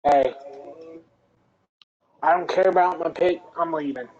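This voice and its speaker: Hurried man on muffled voice chat. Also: fairly high pitch, darkish tone, faint music behind. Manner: hurried and matter-of-fact. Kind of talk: casual voice chat.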